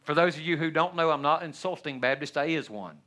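A middle-aged man preaching a sermon in a church, folksy and humorous, swinging between loud bursts and hushed asides. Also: a little high, fairly quick. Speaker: pastor. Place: church sanctuary.

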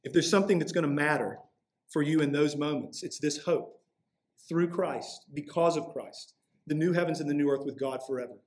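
A man's voice: on the high side, moderate pace. A man preaching a sermon as pastor, earnest and emphatic.

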